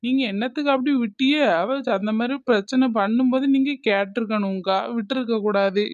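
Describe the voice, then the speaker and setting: A man voicing a firm village woman friend, high and smooth. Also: fairly quick, no echo, lo-fi sound. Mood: reproachful. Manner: soothing then bluntly reproachful.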